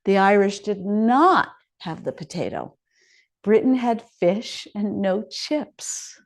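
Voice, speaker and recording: A woman chef speaks publicly in the hall of a residential contemplative community, framing her talk as a story and posing rhetorical questions to the audience. Her mid-range voice is animated but slow-paced.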